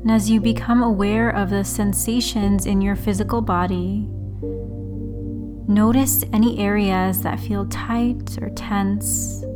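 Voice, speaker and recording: A woman leading a guided relaxation meditation in a soothing, unhurried sleep-story manner, leaving long pauses. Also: mid-range voice, steady tone. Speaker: yoga and meditation teacher, host. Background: background music.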